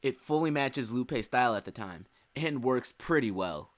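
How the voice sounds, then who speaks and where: Hosting his own video, a young music reviewer reads an earnest, scripted album review with dry asides. His medium-pitched voice is animated and moves at a normal speed. Faint music sits behind his voice.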